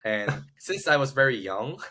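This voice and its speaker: A man with a Korean accent, originally from South Korea, talks casually about his life as a startup founder on a podcast, frequently groping for words. His medium-pitched voice is sing-song and sharp in tone, delivered at a normal speed.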